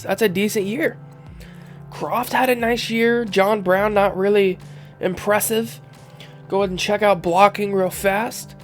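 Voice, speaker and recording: A young man with a congested voice, casually commenting while he reviews season stats in a football video game. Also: high voice. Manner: relaxed, thinking aloud while reviewing stats. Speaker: gaming YouTuber.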